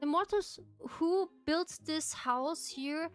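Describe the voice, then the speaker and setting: Give a woman acting out a possessive, petulant video game ghost. It has a high, whiny, indignant voice and non-native English, with faint music underneath. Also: takes it slowly. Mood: aggrieved. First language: not English. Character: petulant, possessive ghost guarding a ruined shrine. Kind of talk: reading game dialogue aloud in character.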